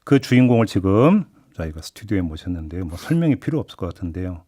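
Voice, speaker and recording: A man's voice: low voice, very animated, quick pace, mellow, breathy edge. A man hosting a radio interview at a studio microphone, playful and teasing with his guest in a radio studio. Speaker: radio host.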